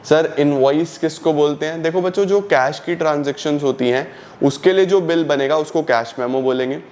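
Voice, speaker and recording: A man's voice: on the high side, a little mellow. A young man teaching an online accountancy lesson, explaining step by step and asking and answering his own questions. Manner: reads English definitions slowly, explains in Hindi.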